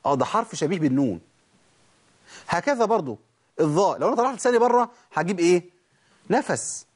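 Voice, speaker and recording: A man with an Egyptian accent teaching a tajweed lesson, asking and answering his own questions and demonstrating letter sounds. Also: fairly high pitch. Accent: Egyptian Arabic. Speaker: Quran recitation teacher.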